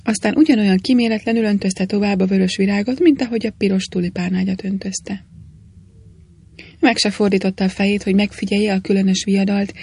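A woman narrating a story aloud at a steady, even pace. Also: medium pitch, gravelly, slightly rough. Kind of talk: storybook reading.

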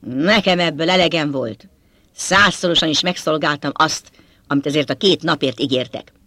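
A man's voice: bright, forceful tone, dry recording. A man reading a novel aloud, voicing a young male butler who has lost his composure and lashes out bitterly. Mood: fed up. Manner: shrill, bitter outbursts. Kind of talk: audiobook character voice.

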